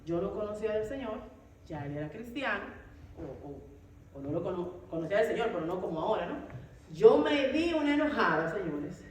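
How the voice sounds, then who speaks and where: A woman speaking at a middle pitch, telling her story as a mother in a lively, animated way and acting out what she once said. She sounds a little far from the mic, in a very echoey room with some faint noise behind her. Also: fast talker. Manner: animated storytelling, acts out her own past words. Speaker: mother sharing a testimony. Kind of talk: personal testimony.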